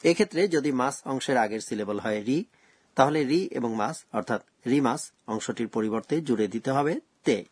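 Husky-voiced man presenting a lesson. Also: mid-range voice, expressive, dry recording. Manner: slow, careful explaining of grammar rules. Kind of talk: scripted radio language lesson.

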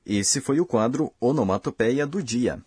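A man hosting a language course, giving slow, careful, scripted explanations. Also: mid-range voice, animated, darkish tone, breathy edge, dry recording, clean studio sound, soft background music. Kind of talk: scripted lesson narration.

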